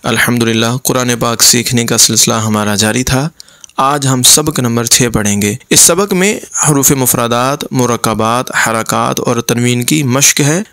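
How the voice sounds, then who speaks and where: A man teaching Quran reading, spelling out letters and vowel marks slowly and explaining how to pronounce them. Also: medium pitch, fairly bright tone, dry recording. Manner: slow, deliberate drilling of letter sounds with explanations. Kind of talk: recitation lesson, spelling letters aloud.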